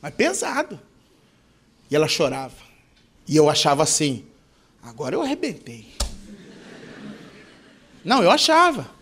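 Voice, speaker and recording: Passionate male pastor, higher voice. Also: huge pitch swings, moderate pace, long pauses, a little hiss or hum. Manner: passionate, swings between loud and hushed. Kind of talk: sermon with testimony and prayer.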